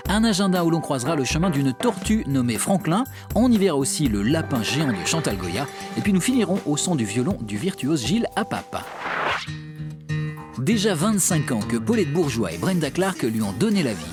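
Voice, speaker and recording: A man's voice: a little high, big pitch swings, moderate pace, music in the background. A man presenting an upbeat television listing of weekend events in scripted narration. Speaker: news presenter.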